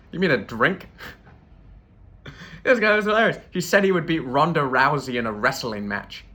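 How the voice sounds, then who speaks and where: British male comic host, bright tone, rambling and deadpan. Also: a little high, moderate pace. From Britain. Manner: rambling, self-interrupting, deadpan asides. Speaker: comedian host. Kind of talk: stand-up storytelling.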